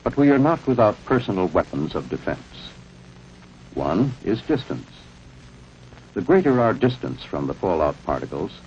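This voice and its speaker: An American man narrating a scripted 1950s civil defense film in a measured, authoritative, instructional manner. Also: low voice, a little mellow. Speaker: documentary narrator. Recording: muffled, noisy vintage film soundtrack.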